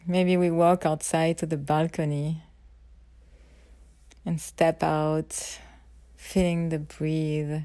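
Woman, low-key mellow tone, very slow, intimate right-in-your-ear guided visualisation, soft phrasing. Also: level tone, dry recording. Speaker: guide of a self-love ritual. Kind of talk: intimate guided visualisation, spoken softly to a partner.

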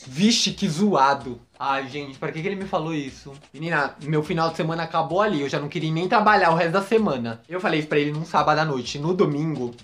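A man's voice: on the high side, fast talker, hardly any pauses, fairly bright tone. Campy gossiping man. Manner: gossipy, dramatic, campy, addresses viewers as "gente" and "menina". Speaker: vlogger. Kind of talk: casual storytelling to camera.

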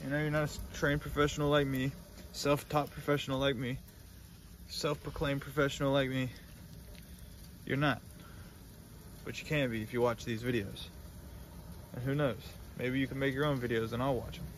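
A man in his twenties hosts a casual cooking vlog, chatting to camera mostly outdoors by a backyard grill, and the phone-camera audio is noisy. His mid-range voice stays level at a moderate pace with long pauses, and his talk is slangy and jokey, full of repeated phrases.

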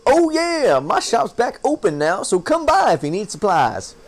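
Folksy old fisherman guy, drawly and hearty, up high, some dude putting it on. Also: huge pitch swings, moderate pace, heavily acted. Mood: friendly.

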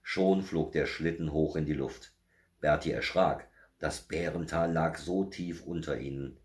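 A man reading a children's bedtime story aloud with gentle, measured pacing. His voice is extremely low and calm.

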